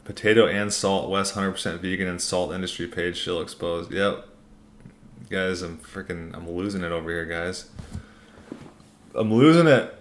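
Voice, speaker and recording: A man's voice: deep voice, level tone, normal speed, fairly bright tone, slight background noise. A man hosting a casual livestream Q&A, reading out comments and answering in a laid-back, informal, rambling way. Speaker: livestream host.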